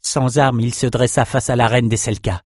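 This male audiobook narrator delivers scripted fantasy narration with steady, vivid storytelling. His voice sits in the mid-range at a moderate pace, captured in a dry recording with clean studio quality.

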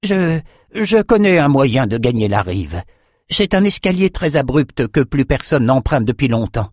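A man's voice: mid-range voice, sing-song, unhurried, a little mellow, no room sound, studio quality, pitched above the performer's own voice. A man voicing a frightened old male kitchen slave in an audiobook, speaking hesitantly and fearfully.

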